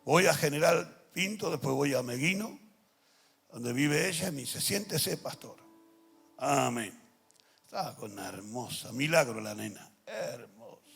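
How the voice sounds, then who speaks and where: An older man preaching a testimony sermon in Argentine Spanish, telling stories that swing from hushed to shouting. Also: mid-range voice, animated, moderate pace, gravelly, slightly rough. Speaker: pastor. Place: large church with music behind.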